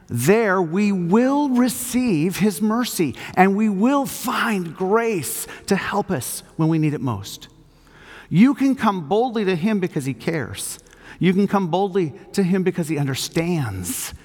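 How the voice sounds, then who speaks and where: Older male pastor, emphatic sermon delivery, unhurried, reverberant church sound. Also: high-pitched, darkish tone. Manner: earnest, emphatic preaching with slow stressed phrases. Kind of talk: sermon with closing prayer. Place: church hall.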